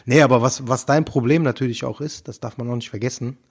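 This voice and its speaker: A man's voice: mid-range voice, fast, creaky, husky. A man co-hosting a podcast, chatting casually and telling a short anecdote with lots of fillers. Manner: relaxed, chatty storytelling with filler ne?. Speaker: podcast co-host. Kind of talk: casual chat.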